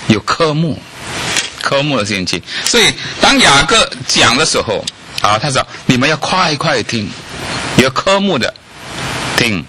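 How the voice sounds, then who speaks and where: A man's voice: medium pitch, measured pace, a little hiss or hum. A man preaching a sermon to a congregation, often asking them questions and dropping in "ah" fillers. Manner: lively, asks the congregation questions, many "ah" fillers.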